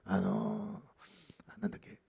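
A man's voice: on the low side, big pitch swings, a little slow, vocal fry, warm tone, breathy edge. A man preaching a sermon in a conversational way, with frequent asides and fillers as he tells a testimony. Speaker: pastor.

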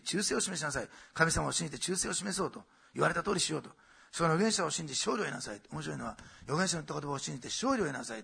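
A middle-aged male pastor preaching a sermon, swelling loud and emphatic, then dropping to quiet asides. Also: fairly high pitch, creaky, breathy edge.

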